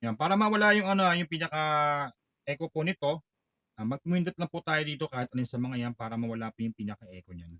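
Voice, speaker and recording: A man giving a product walkthrough tutorial, polite and explanatory, pausing now and then on fillers. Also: a little high, expressive, bright, forceful tone, no echo, highs cut off. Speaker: product demonstrator.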